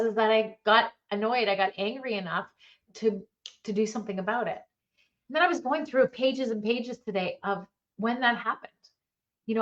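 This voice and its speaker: A middle-aged woman coach speaking in a fairly high voice, earnest and animated as she tells stories from her own life. The recording sounds dull and lo-fi. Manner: earnest, animated storytelling with laughs. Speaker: mentor and coach. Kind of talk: motivational talk.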